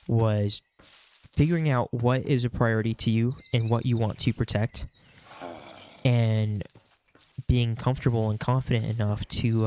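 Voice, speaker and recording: Chatting as he games, a stuffy-nosed young Minecraft vlogger wanders from point to point with frequent filler words. The voice is mid-range and a little mellow, with some hiss or hum in the background.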